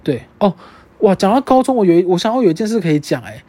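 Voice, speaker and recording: Fast, lively Taiwanese-accented podcast host. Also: medium pitch, slightly rough, no echo. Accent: Taiwanese Mandarin. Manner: animated, swears freely, many restarts. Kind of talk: casual storytelling chat.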